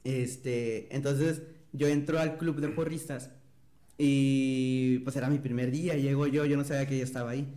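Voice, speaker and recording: A man's voice: medium pitch, fairly even intonation, moderate pace, warm tone. A young man from Mexico, a guest in a casual interview, telling an anecdote and mimicking other people's voices. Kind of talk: casual storytelling.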